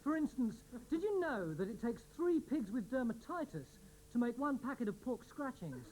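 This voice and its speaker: An actor playing an earnest, deadpan nature documentary narrator in a sketch comedy. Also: male voice, very high voice, moderate pace, noisy background. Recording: narration over loud music.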